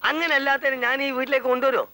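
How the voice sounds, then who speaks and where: An actor playing a boastful, brazen matchmaker in a film comedy. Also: male voice, very high-pitched, steady tone, racing, pushed and bright, poor audio. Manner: boastful, blustering. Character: brazen, boastful man who arranges marriages. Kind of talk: 1990s film comedy dialogue.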